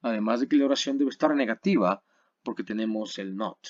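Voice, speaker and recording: A man teaching English grammar in a webinar, explaining patiently, checking in with his students often, and slowing down to spell and model words. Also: on the low side, darkish tone, no room sound, muffled recording.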